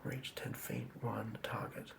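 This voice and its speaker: With a creaky, medium-pitched voice and a level tone, a man speaks slowly against a noisy background. He hosts an ASMR channel, whispering casually as he writes tabletop game monsters and murmuring words over while thinking aloud.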